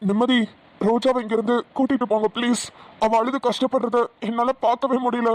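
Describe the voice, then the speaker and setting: A woman's voice: fairly high pitch, flat delivery, a little fast, no room sound, natural voice. A soothing young cartoon lover, as a woman voices him. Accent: Namakkal Tamil. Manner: soft, soothing, reassuring. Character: gentle young man in love, locked up.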